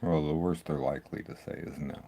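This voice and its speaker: A man's voice: rumbling low, fairly even intonation, brisk, warm tone. A man hosting a casual tech walkthrough, rambling and thinking aloud as he works at his computer. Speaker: tech video host. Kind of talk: casual screen-recording walkthrough.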